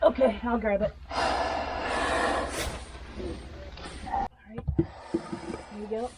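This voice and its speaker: A woman's voice: a little high, fairly even intonation, drawn-out words. Dry, teasing woman, noisy recording. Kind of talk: casual chat. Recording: clear background noise.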